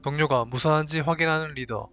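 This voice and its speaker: A man narrates a scripted drama recap in a slightly high voice. He delivers short, measured storytelling lines as a reviewer. Faint music plays behind his voice-over. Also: steady tone, a bit bright.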